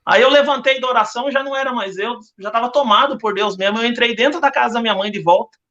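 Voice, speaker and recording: A man's voice: very high-pitched, fast, sharp tone, muffled recording. A man with a Brazilian Portuguese accent giving an earnest religious testimony as a podcast guest, telling his story with lots of repetition.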